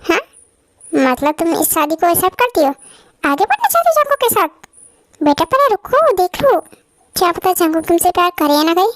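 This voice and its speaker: Woman playing a doting mother-in-law in a fan dub, playful and fussy, squeaky-high voice. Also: sing-song, brisk, long pauses, no room sound. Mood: caring.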